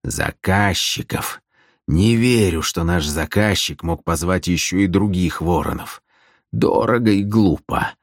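A hungover middle-aged minstrel groans and whines every complaint, as a man acts him out. The voice sits deep and low, recorded dry and close for a storybook reading. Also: measured pace, dry recording. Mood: groaning.

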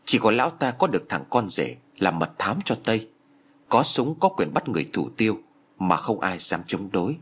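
A man narrating a dramatic story in a suspenseful, expressive way. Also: on the low side, moderate pace, breathy edge.

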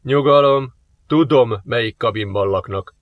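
A man voicing a suave male demon posing as a polite businessman, speaking smoothly and courteously. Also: medium pitch, no echo, narrow, tinny audio, lightly acted. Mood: calm.

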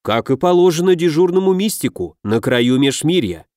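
A man voicing a frightened, scheming dog-headed junior mystic who pleads in a hurried, raised voice. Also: a little high, expressive, darkish tone, no echo, clean studio sound, pitched above the performer's own voice, lightly acted. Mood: pleading.

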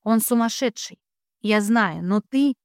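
A woman's voice: on the high side, a little slow, dry recording, clean studio sound. A woman reading an angry, protective man. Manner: angry, commanding. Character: furious, protective man on the phone.

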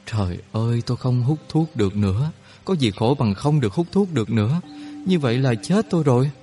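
A man voicing a young male soldier, excitable and panicky, who speaks in loud, fast, alarmed outbursts. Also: medium pitch, soft background music, close to an everyday voice. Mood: distressed.

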